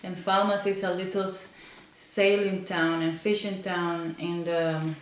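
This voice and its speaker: A woman from Central America answering interview questions, slow and thoughtful, often pausing with ums. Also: fairly low pitch, fairly even intonation. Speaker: interviewed designer. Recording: echoey room, mic at a distance.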